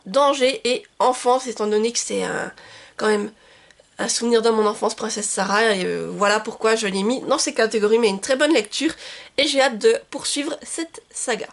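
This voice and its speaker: Chatty woman book vlogger, slightly high voice. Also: normal speed, gravelly. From France. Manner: chatty, many fillers and restarts. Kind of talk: casual book review vlog.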